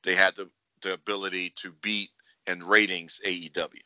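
Low, very bright forceful man. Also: level tone, moderate pace, dry recording, poor audio. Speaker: wrestling podcast host. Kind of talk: casual sports chat with speculation.

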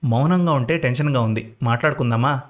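A man's voice: mid-range voice, fairly quick, lightly acted. A man voicing an anxious young woman waiting for a job interview, speaking nervously and pleadingly.

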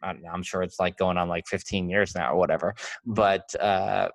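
A man with a Long Island accent co-hosting a podcast in casual chat, rambling and halting. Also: low voice, fairly even intonation, vocal fry, no echo. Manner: rambling, halting, restarts a lot. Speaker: podcast co-host.

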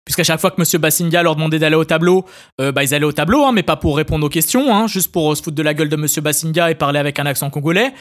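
French man, podcast host, sarcastic, very quick, slightly high voice. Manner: sarcastic, rapid, peppered with hein and tu vois. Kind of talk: scripted comedy monologue.

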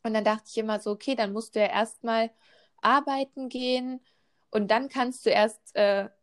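This twenty-something pregnant woman has a voice on the high side, with fairly even intonation and a normal pace. She chats casually, stumbling through plenty of fillers and restarts.

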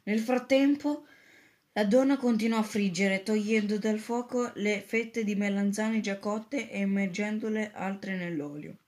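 A woman narrating a story aloud in a steady reading voice, with occasional slips and restarts. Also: medium pitch, unhurried.

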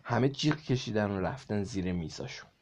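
A man reading a children's story aloud to a child in a lively way, stopping to explain words. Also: lowish voice.

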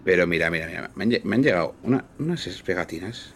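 A man's voice: low voice, expressive, fast, a bit bright, slight background noise. A man co-hosting a stream, chatting casually and joking, laughing at his own lines. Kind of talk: casual chat.

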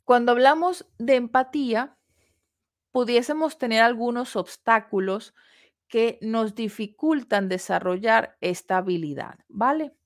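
A woman giving a recorded course lecture, explaining steps in a measured way with pauses and rhetorical questions. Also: a little high. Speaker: course instructor. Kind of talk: recorded lecture on customer service.

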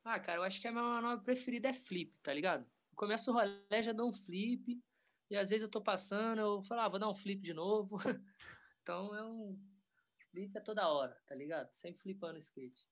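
A man, a professional skateboarder talking in a relaxed, rambling way full of slang. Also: high-pitched, brisk. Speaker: pro skateboarder guest. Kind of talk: casual interview chat.

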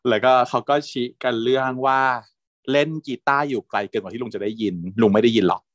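A man chatting casually with a co-host, recapping a TV drama in an animated way, laughing often. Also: medium pitch, quick pace, no room sound. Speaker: podcast co-host.

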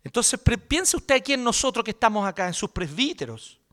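Lively, bright-voiced Chilean pastor. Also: male voice, very high-pitched, brisk. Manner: animated, joking, colloquial preaching. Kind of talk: sermon.

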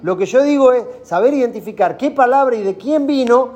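A man's voice: extremely high pitch, animated, brisk, a little mellow. A man with a Rioplatense accent guiding a group talk and explaining his points patiently. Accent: Rioplatense Spanish. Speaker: talk facilitator.

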